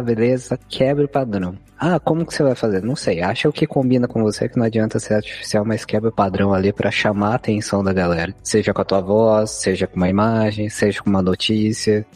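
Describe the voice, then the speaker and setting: A man's voice: fairly low pitch, darkish tone. A man chatting casually on a podcast, telling anecdotes about himself with a self-deprecating touch. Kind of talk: casual chat.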